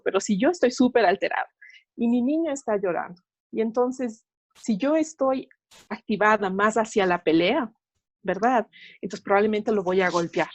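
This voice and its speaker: A woman's voice: medium pitch, dry recording. A woman psychologist speaking as an interview guest, explaining patiently, often adding tag questions and light laughs. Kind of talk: interview talk.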